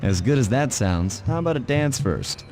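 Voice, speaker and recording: A man's voice: medium pitch, sing-song, normal speed, darkish tone, faint music behind, natural voice. Man playing Sly Cooper, suave raccoon thief. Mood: suave, flirtatious.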